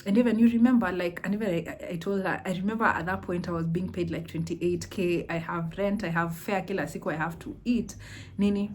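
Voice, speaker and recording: A young Kenyan woman vlogging about running a business, telling stories in a lively way and mixing in Swahili phrases. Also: fairly low pitch, brisk. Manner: animated, mixes Swahili into English, laughs often. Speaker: vlogger, entrepreneur. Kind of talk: casual storytelling vlog.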